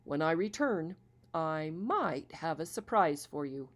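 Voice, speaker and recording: Casting: a woman doing a calm, gentle pioneer dad, somewhat low. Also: takes it slowly. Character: gentle frontier father. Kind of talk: storybook reading.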